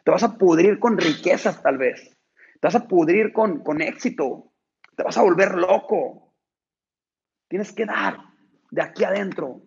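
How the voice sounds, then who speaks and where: Guy giving a motivational talk, repeats himself for emphasis, creaky husky voice, dull lo-fi audio. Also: high voice, lively intonation, darkish tone. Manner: emphatic, repetitive, deliberate. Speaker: motivational speaker addressing a team. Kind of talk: motivational talk with a told story.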